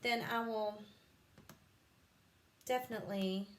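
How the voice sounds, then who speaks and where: A woman's voice: mid-range voice, fairly even intonation, slow, a bit bright. A sleepy woman demonstrating a home craft live, chatting along with plenty of ums and asides. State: sleepy, yawning. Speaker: craft vlogger. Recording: echoey room, faint background noise.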